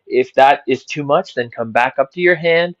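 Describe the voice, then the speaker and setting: A man coaching a stretching class in a careful, unhurried way, giving step-by-step instructions. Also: medium pitch, dry recording, dull audio. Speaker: mobility coach leading a class. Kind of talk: bilingual guided stretching instruction.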